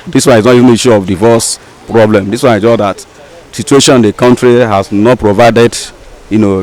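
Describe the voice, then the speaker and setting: A man's voice: on the low side, a little mellow, rough recording. A man with a Nigerian accent explaining his view in spontaneous talk. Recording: faint outdoor street noise.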